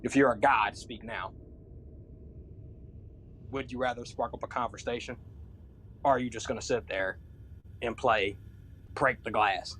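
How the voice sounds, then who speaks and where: A man playing a stern, commanding male angel warrior who speaks in a formal, challenging, measured way. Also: mid-range voice, steady tone, a bit bright, slight background noise, close to an everyday voice. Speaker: player.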